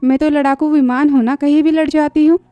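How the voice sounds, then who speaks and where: A woman voicing a feisty, sharp-tongued young wife in a dubbed drama recap, talking in a teasing, defiant way. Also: high voice, fairly even intonation, a little fast, no echo, soft background music, close to an everyday voice.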